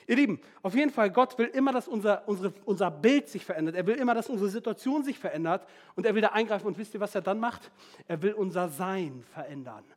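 A man preaching a lively, informal sermon, chatty and slangy, acting out the Bible stories and mixing in foreign phrases. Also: high-pitched.

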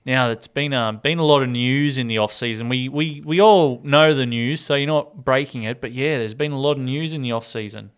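A man's voice: medium pitch, brisk, few pauses, fairly bright tone, clean tone. A man with an Australian accent hosting a casual rugby league show in a matey, colloquial way. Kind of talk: casual sports chat.

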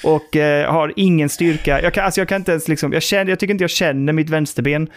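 A man's voice: fairly high pitch, a little hiss or hum. A man co-hosting a podcast, telling a story animatedly and acting out quoted voices. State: tired. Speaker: podcast co-host. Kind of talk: casual chat.

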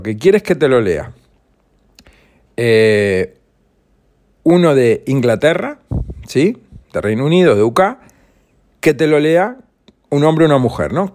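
A man's voice: mid-range voice, a little mellow. A man hosting a solo podcast, explaining things in a rambling, casual way with frequent restarts. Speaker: podcast host.

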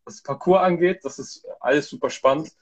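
Connecting by video call, a Hamburg-based content manager talks casually as a live stream guest. His slightly high voice is brisk with a breathy edge. He hesitates a lot, restarting and filling gaps.

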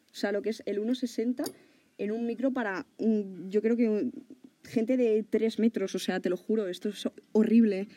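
A young woman hosts a casual podcast, rambling chattily and swearing offhandedly. Her voice sits mid-range and sounds mellow and soft-edged. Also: mid-range voice, a little hiss or hum. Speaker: podcast host.

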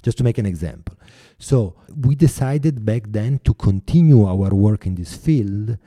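Deep, dark-voiced Italian man. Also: animated, no room sound, studio quality. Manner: earnest, halting, with many restarts and fillers. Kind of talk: interview answers. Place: New York.

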